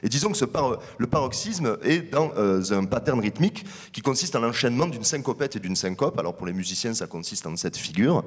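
A man giving an academic conference talk. He presents research findings in a measured, explanatory way. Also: mid-range voice, animated, breathy edge. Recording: long hall reverb.

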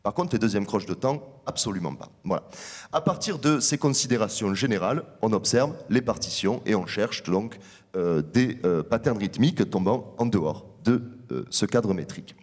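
Male researcher, measured explanatory delivery, conference talk, long hall echo. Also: lowish voice, lively intonation, a little mellow. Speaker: researcher presenting findings.

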